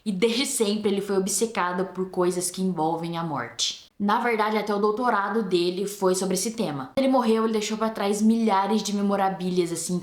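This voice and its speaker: Chatty Brazilian woman in an echoey room. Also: medium pitch. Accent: Brazilian Portuguese. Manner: chatty, informal, with asides and colloquial slang. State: tired. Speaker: book reviewer and channel host. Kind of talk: casual book review vlog. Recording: roomy echo.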